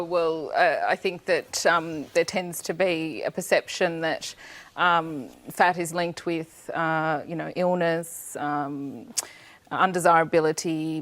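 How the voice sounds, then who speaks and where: A woman speaking as a guest on a televised panel, thoughtful and hesitant with pauses. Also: low voice, fairly even intonation.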